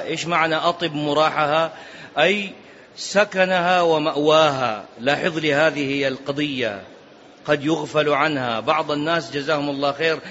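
A high-pitched man gives a classroom religious lesson, stressing and repeating key words and quizzing his listeners. The recording is dull and lo-fi, with a faint hiss underneath. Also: a bit bright. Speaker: sheikh teaching a hadith book.

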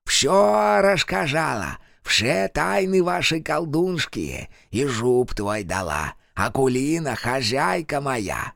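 A man doing a shrill toothless jeering ex-chairman. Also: sing-song, creaky, a bit bright, dry recording, clean studio sound, exaggerated voice. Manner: drawn-out jeering, pompous when proclaiming. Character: toothless unhinged male village ex-chairman, servant of a witch.

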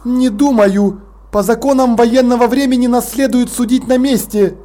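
Brief: man doing a composed, measured prince, high male voice. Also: fairly even intonation, mellow. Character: calm cool-headed male foreign prince.

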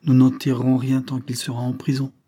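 Un homme qui prête sa voix, dans un livre audio, à un agent de police franc et enthousiaste, au ton ardent et sincère. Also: male voice, mid-range voice, monotone, brisk, dark tone, slightly rough, voice pushed up, natural voice. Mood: earnest, eager. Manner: frank, enthusiastic, earnest. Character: eager, outspoken male police agent. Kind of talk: audiobook character reading.

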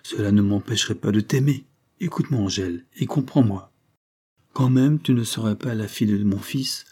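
A man's voice: lowish voice, moderate pace, dark tone, slightly rough. A man reading aloud and voicing a frail, asthmatic old grandmother who speaks with earnest effort. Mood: pleading.

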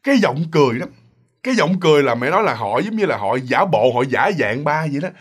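A man's voice: fairly high pitch, very animated, fast talker, breathy edge. A man with a Southern Vietnamese accent telling a ghost story in a casual, chatty way, speaking directly to his listeners and acting out the sounds.

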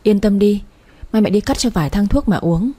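A woman's voice: medium pitch, animated, brisk, dark tone, breathy edge. A woman voicing a caring older mother who scolds her daughter fondly on the phone.

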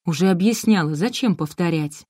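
A woman's voice: on the low side, normal speed, warm tone, no echo, clean studio sound, close to an everyday voice. A woman reading the lines of a cold, condescending middle-aged woman who never wanted her children, in an audiobook. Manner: cool, dismissive, condescending.

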